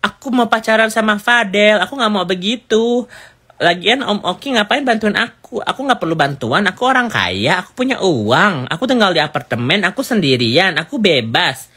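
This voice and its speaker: Man doing a spoiled teen girl, whiny and stubborn, pitched way up, bright edge. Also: sing-song, normal speed, breathy edge, full character voice. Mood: defiant. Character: spoiled defiant teenage girl.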